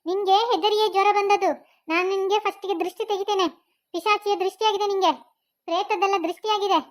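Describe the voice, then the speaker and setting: Woman voicing a protective mother, Mangalore Kannada accent, very high voice, quick fretful scolding. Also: fairly even intonation. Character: worried protective mother of a young boy.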